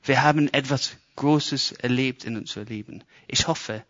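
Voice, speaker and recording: A British man preaches a sermon in broken German, speaking with an English accent. He tells the story with animation, slipping into the voices of the people in it. His tone is bright and a little dull, as if from a lo-fi recording. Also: medium pitch, normal speed. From Britain.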